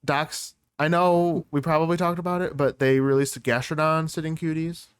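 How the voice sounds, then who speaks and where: A playful man co-hosts a casual podcast, laughing often as he chats. His voice is smooth and resonant. It is recorded dry and close, with no room sound. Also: fairly high pitch, flat delivery, normal speed, no echo. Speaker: podcast co-host. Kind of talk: casual chat.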